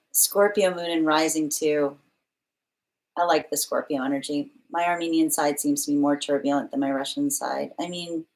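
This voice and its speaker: On a live stream, a woman with a low voice reads tarot cards, reasoning aloud as she goes, voicing viewers' comments, and often restarting what she's saying. The audio is poor.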